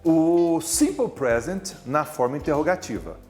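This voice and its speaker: A Brazilian man teaches English grammar in a recorded lesson, his voice rising and falling in lively swoops. He explains patiently and stretches key words for emphasis. Soft music plays faintly underneath. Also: fairly high pitch, unhurried. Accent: Brazilian Portuguese.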